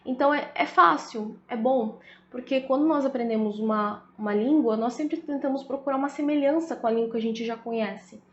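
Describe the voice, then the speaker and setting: A woman with a Brazilian Portuguese accent teaches in a casual style, slowing down to check that her listeners follow. Her voice sits a little high. The recording is roomy and a bit muffled. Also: slight background noise. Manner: explains slowly, often adds "né?" and "tá?". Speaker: English teacher. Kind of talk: casual video lesson. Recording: echoey room, slightly dull audio.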